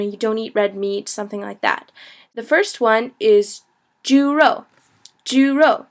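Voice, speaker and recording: A young woman in her twenties teaches travel phrases in a relaxed, chatty way. Her voice sits a little high, and she laughs often and fills her sentences with ums and likes. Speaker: language teacher and travel blogger. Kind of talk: casual video lesson.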